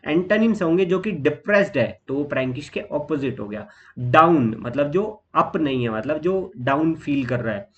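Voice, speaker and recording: Indian guy explaining vocab for exams, bit high voice, muffled lo-fi audio. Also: normal speed. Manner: steady explaining with fillers and lists. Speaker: exam vocabulary teacher. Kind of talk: explanatory lesson.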